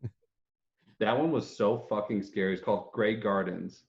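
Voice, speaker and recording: A young man co-hosting a podcast, talking in loose slangy chat with halting restarts. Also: lowish voice, gravelly, lo-fi sound. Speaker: podcast co-host. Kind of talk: casual chat.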